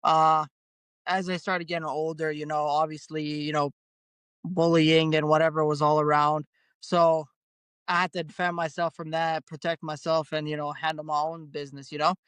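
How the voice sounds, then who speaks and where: A man's voice: on the high side, level tone, normal speed, fairly bright tone, clear, resonant tone, dry recording. A man being interviewed as a bare knuckle fighter, talking in an easygoing way and laughing often. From Canada. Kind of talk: casual interview.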